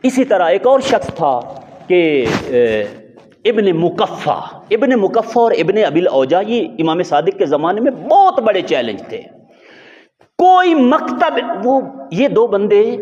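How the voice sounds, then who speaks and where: A man's voice: a little high, a little mellow. A male religious scholar giving a sermon, telling stories with emphatic rhetorical questions. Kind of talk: sermon storytelling. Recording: dull lo-fi audio in a long-reverb hall.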